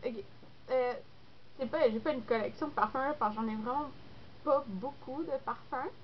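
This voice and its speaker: In a casual vlog, a young adult beauty vlogger with a cold talks to camera in a Québécois French accent, meandering and using lots of fillers. Her high-pitched voice keeps a moderate pace; the recording sounds dull and lo-fi, with faint noise.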